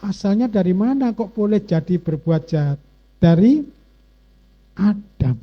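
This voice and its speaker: Preacher man, slow and emotional, goes quiet then loud, muffled lo-fi church audio. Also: sits high, lively intonation. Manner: emotional, impassioned, swings between hushed and loud. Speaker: pastor. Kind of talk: sermon with personal testimony. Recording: dull, muffled lo-fi church recording.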